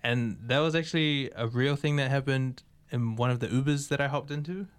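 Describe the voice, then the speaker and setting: Relaxed New man, dry sound. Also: mid-range voice, brisk, clear, resonant tone, no room sound. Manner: relaxed, laughing asides, many fillers. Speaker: musician introducing his album. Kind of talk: casual chat.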